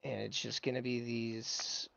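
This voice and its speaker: A man's voice: medium pitch, little pitch movement, unhurried, vocal fry, fairly bright tone, no room sound, lo-fi sound. A man playing a tabletop role-playing game, casually describing his character's actions. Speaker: player.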